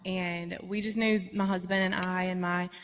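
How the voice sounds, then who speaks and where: A woman's voice: on the low side, little pitch movement, moderate pace. A woman chatting casually in an interview, her voice carrying a big hall reverb effect from the live-stream mic. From southern Georgia, USA. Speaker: singer-songwriter guest. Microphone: live-stream call with reverb left on.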